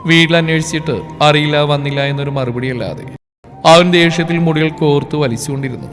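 A man reading a novel aloud in a steady, emotional storytelling voice. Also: a little high. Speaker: story narrator. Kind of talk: scripted novel narration. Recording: reverb with background music.

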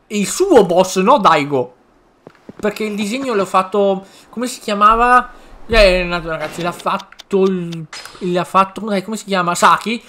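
Animated gamer, bright high voice. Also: male voice. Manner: animated, exclaiming and joking. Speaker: gaming video creator. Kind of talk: let's play commentary.

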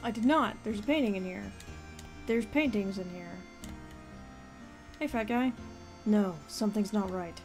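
A woman's voice: medium pitch, unhurried, pauses often, a little mellow, faint music behind. A woman hosting a let's play, giving casual game commentary full of dry, irreverent asides.

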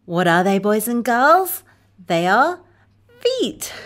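A young woman hosting a children's show, teaching words with exaggerated, playful delivery and slow, clear repetition. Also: fairly high pitch, big pitch swings, a bit bright. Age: young adult. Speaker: kids show host. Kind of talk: children's English vocabulary lesson with acted exercise skits. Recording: music behind the voice. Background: children's music.

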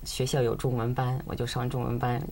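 A teenage young man, a foreigner speaking Mandarin as a learned language with a crisp, very standard northern accent, answering as a studio guest. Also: medium pitch, completely flat delivery, brisk, warm tone, a little hiss or hum. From born to an Iranian family, schooled partly in Lanzhou, China. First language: not a native Mandarin speaker. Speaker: guest singer. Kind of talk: casual interview answers. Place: TV studio at a round desk.

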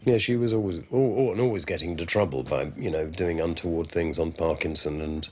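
A man looks back on a comedy series in a relaxed documentary interview. He talks chattily with lots of fillers. His voice sits low. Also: fairly quick. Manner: chatty, filler-heavy recollection. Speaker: interviewee, former show insider.

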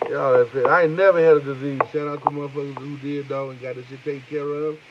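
Profane high-voiced man riffing on stream. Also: steady tone, brisk, muffled recording, background noise. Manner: loose, profane, riffing comic banter with viewers. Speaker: comedian live streamer. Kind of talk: rambling live-stream chat.

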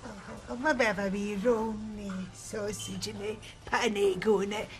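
A woman's voice: medium pitch, fairly even intonation, normal speed, natural voice. A woman playing a nosy, gossipy older woman with a broad Scottish accent in a TV sitcom. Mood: chatty. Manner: gossipy, hesitant, full of "eh". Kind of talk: naturalistic sitcom acting.

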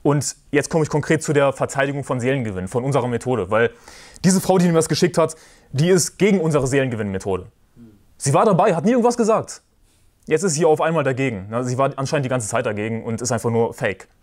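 A man preaching a sermon in a forceful, combative way, repeating his points and references. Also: medium pitch, animated, fast talker.

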